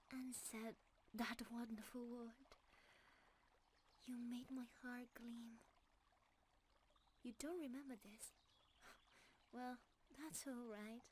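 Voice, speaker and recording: A woman voices a gentle, loving, timeless forest creature, a deer-centaur, in a romantic ASMR roleplay. Her voice is soft, breathy, on the high side and often whispering, with a little hiss or hum. She sounds calm, delicate, tender, and unhurried.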